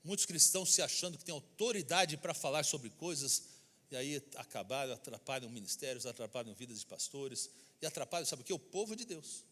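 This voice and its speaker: A man's voice: medium pitch, animated, fairly quick, a bit bright. A man with a Brazilian Portuguese accent preaching a sermon as pastor in a church, emphatic and acting out the people he quotes. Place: church sanctuary. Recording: long reverb of a church hall.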